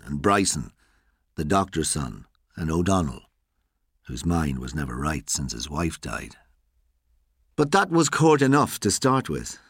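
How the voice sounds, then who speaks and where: Man, story narrator, low voice, dry close sound. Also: dry recording. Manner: measured, expressive storytelling. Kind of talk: scripted story reading.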